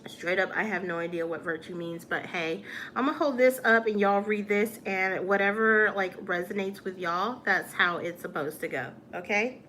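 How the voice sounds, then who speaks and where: A woman's voice: mid-range voice, moderate pace, few pauses, bright, forceful tone, a little hiss or hum. A woman doing a casual tarot reading in an upbeat, encouraging way, often checking in with "all right?". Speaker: tarot reader.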